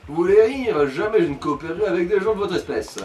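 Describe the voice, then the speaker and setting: A man's voice: high-pitched, expressive, fast, a little mellow, roomy sound, faint music behind. Man playing an indignant, righteous professor, slightly distant. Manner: righteous, declamatory. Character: indignant, principled male professor refusing villains. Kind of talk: improvised voice-over of video game dialogue.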